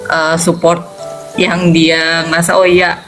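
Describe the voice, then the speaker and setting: A woman's voice: slow pace, over music. A woman in her forties, a mother, telling a story in a casual interview, acting out the quoted lines and laughing often. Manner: animated, acts out quoted lines with sharp pitch jumps, laughs often.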